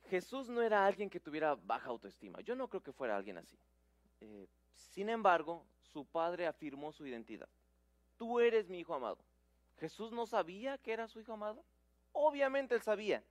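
A man preaching a sermon, animated and with a slightly hoarse throat, who acts out the Bible quotes. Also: a little high, dry recording.

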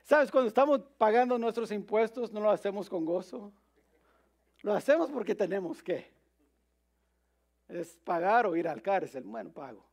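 High-voiced, gravelly man preaching. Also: expressive, moderate pace, pauses often, darkish tone. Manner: storytelling, with frequent restarts and fillers. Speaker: pastor. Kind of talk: sermon.

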